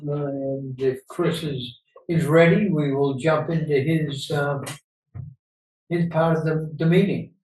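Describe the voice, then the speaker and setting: A man's voice: a little high, steady tone, slow pace, a little mellow. A man chairing a town commission meeting, brief and courteous. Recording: roomy meeting hall, mic far off.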